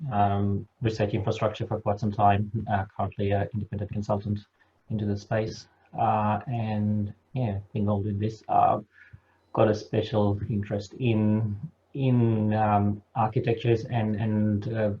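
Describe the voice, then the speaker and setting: A man consultant introducing himself in an online meeting, halting with many fillers. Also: fairly low pitch, lo-fi sound. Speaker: independent consultant. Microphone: video call.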